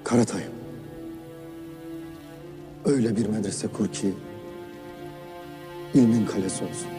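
An actor playing a solemn sultan in a historical drama, a remembered voice speaking deliberately with a long echo. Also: male voice, lowish voice, steady tone. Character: solemn sultan recalled voicing his dream. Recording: long reverb, music behind.

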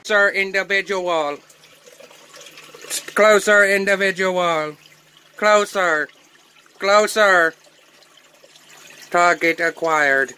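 A bossy robot cop, as a man puts it on barks out clipped, monotone orders in a bright, crisp voice. It talks slowly and mechanically, stating every command like a verdict. The voice sits a little above an average man's. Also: high-pitched, pitched above the performer's own voice, heavily acted. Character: bossy male robot police enforcer. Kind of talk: comedic skit acting.

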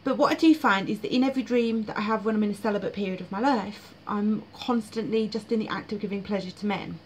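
A woman's voice: mid-range voice, fast, a little hiss or hum, rough recording. A woman vlogging about her dreams in casual, frank, blunt monologue with frequent fillers.

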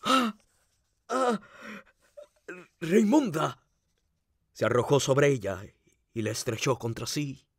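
A man voicing a daring gentleman thief with a fierce temper, speaking coldly and commandingly in an audiobook reading. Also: mid-range voice, normal speed, dry recording, clean studio sound, pitched below the performer's own voice, close to an everyday voice. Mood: grief-stricken. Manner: cold and commanding, turning desperate.

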